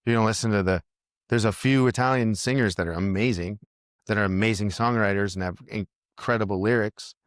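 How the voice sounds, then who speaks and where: A low-voiced musician, a native English speaker, appears as a guest in a loose, unhurried podcast conversation about music, rambling and thinking aloud as he circles his point and restarts sentences. The audio is dry and close, with no echo.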